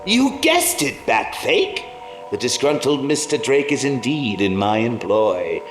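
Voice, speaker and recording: The Joker, wildly swooping villain. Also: male voice, medium pitch, big pitch swings, unhurried. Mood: smug taunting. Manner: mocking, theatrical, sing-song. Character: gleeful, taunting, theatrical clown supervillain. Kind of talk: audio drama villain acting. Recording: echoey reverberant sound under loud music.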